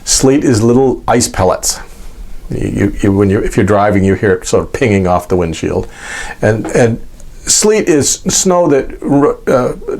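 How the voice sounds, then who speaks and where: An American man giving an informal, unscripted explanation in a halting, folksy way, repeating words as he goes. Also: lowish voice, vocal fry, a little mellow. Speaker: host of an explainer vlog.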